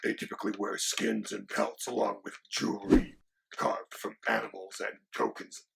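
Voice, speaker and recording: A man voicing a mock-menacing male dragon sidekick who explains monster lore in a hushed, lecturing way. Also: lowish voice, little pitch movement, normal speed, vocal fry, slightly rough, exaggerated voice. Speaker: co-host.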